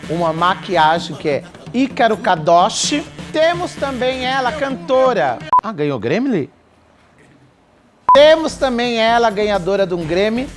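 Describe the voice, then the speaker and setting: A man hosting a competition as a drag queen, in a theatrical, sassy, campy manner. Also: sits high. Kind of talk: competition show presenting. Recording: music behind the voice.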